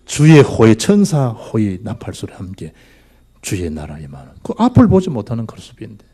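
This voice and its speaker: A male pastor delivers a sermon in a church sanctuary. His voice is mellow and dark, and his pitch rises and falls widely as he swings from loud exclamations down to hushed near-whispers. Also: wildly swooping pitch, normal speed, breathy edge.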